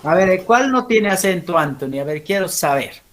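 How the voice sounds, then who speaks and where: Profesor de acento boliviano con voz alta y clara. Explica la materia con paciencia y lanza preguntas a sus alumnos. Remata muchas frases con una pregunta breve para ver si lo entienden. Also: male voice, sits high, animated, slight background noise. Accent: Bolivian Spanish. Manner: keeps checking understanding with quick tag questions; asks students questions and calls on them. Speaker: teacher. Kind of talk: classroom lesson.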